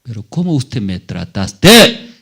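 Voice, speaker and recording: A male preacher acting out a vengeful man who shouts and taunts the brothers who once sold him. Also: mid-range voice, very animated, takes it slowly, gravelly, slightly rough, heavily acted. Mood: taunting. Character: vengeful adult man mocking his begging brothers.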